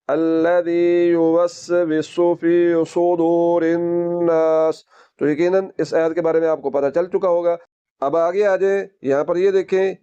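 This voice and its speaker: A man teaching Quran recitation step by step, patiently repeating each word slowly and drawing out the sounds. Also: a little high, mellow, smooth, lo-fi sound. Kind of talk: step-by-step tajweed lesson.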